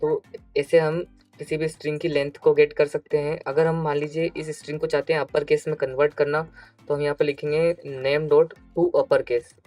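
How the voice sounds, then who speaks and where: An Indian programming instructor narrates a step-by-step tutorial at a moderate pace, his mid-pitched voice fairly flat. He repeats key phrases the way a teacher does. The recording is dry and close, with faint music in the background.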